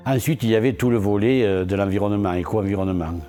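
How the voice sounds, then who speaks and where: Speaking fast at a fairly low pitch over music, an elected local official gives earnest promotional testimony about local achievements. He raises his own questions in the interview and answers them.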